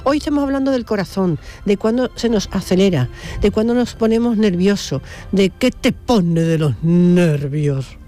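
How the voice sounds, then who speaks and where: A man hosting a live early-morning radio call-in show, chatty and quick with callers. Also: high voice, expressive, mellow. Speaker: radio host.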